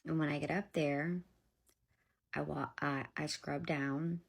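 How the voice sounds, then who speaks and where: Woman, young adult, casual storytelling vlog, husky, acts out dialogue. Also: sits low, slow. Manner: animated retelling, acting out dialogue, drops to whispers. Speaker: vlogger telling her own story.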